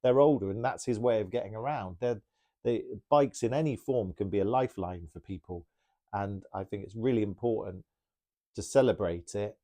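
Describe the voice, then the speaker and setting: Casting: chatty male bike mechanic, low mellow voice, enthusiastic rambling Q&A. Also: normal speed. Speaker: bike mechanic answering viewer questions. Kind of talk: casual Q&A talk.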